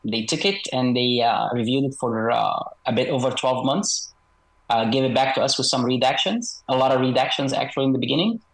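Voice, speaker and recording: A man speaking through an electronic voice disguise as a guest author in a video-call interview, measured and hesitant with frequent fillers. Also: mid-range voice, low-quality recording. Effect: voice electronically altered to disguise identity. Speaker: guest author, former special operations soldier.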